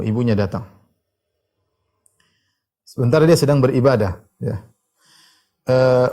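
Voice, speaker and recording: A man's voice: mid-range voice, mellow. Male preacher telling a story. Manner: storytelling, quoting Arabic texts and explaining them; frequent "ya" and "eh" fillers. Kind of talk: sermon.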